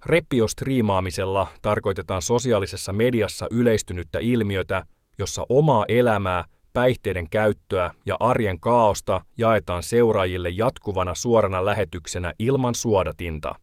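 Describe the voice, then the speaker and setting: Low-voiced man reading documentary narration. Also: dry recording, studio quality. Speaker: reporter narrating a feature.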